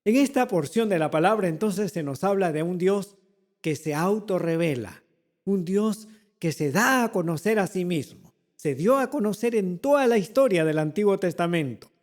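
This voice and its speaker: A man preaching a sermon as pastor, slowly and deliberately, repeating key phrases and asking the congregation rhetorical questions. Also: high voice, animated, in a large hall. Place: church.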